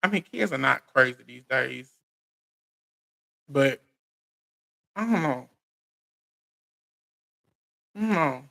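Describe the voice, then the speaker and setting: A man's voice: mid-range voice, animated, extremely slow, vocal fry, long pauses, pushed and bright. An American man hosting a casual live recap, speaking in informal colloquial phrasing and often restarting and repeating his phrases. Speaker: recap show host. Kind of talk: casual live recap chat about reality TV.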